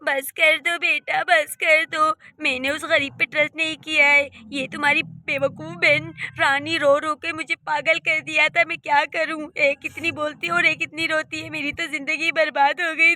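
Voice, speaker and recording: A woman voicing a fussy, easily exasperated old mother-in-law in a cartoon, talking slowly and scolding with repeated words. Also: high voice, flat delivery, sharp tone. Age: older. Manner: slow, scolding, repeats herself. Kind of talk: Hindi cartoon voice acting.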